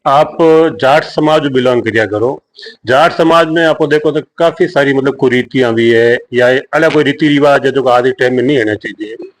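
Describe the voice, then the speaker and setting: A man's voice: medium pitch, moderate pace, low-quality recording. A man asks long, rambling questions in a local news interview.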